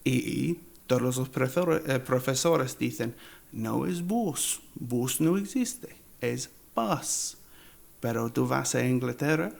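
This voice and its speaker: A man from England whose first language is English, speaking with an English accent as an interview guest, halting and slipping English words into his talk. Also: mid-range voice, expressive, vocal fry. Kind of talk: casual interview chat.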